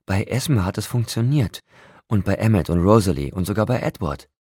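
A man's voice: on the low side, lively intonation, moderate pace, slightly rough, no echo, studio quality, voice pushed up. A man voicing a frail, stubborn young woman. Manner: quiet, soothing, stubborn.

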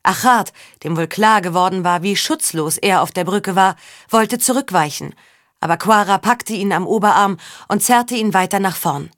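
A woman narrating a novel as an audiobook in a measured storytelling manner. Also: mid-range voice, a bit bright, no room sound, studio quality. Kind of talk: scripted narration.

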